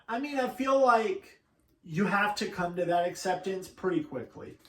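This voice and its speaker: A man co-hosting a podcast in casual chat, agreeable and quick to back up his partner. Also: high-pitched, lively intonation, far from the mic. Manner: agreeable, backs up his co-host. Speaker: podcast co-host. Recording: roomy sound from off-mic.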